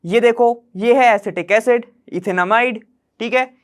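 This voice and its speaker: This chemistry teacher has a very high, clean-toned voice and moves at a measured pace as he solves problems one step at a time. Chatty throughout, he quizzes the viewer and keeps dropping in "theek hai" as a quick "okay" check-in.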